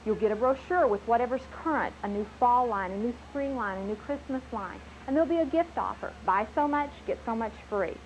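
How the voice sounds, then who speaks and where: A woman's voice: brisk, few pauses, rough recording. A woman skin care consultant giving an upbeat, chatty sales presentation at a home party, heard from a worn VHS tape copy. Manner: upbeat, chatty sales pitch with frequent laughs. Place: living room at a home party. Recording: hissy worn 90s home video tape.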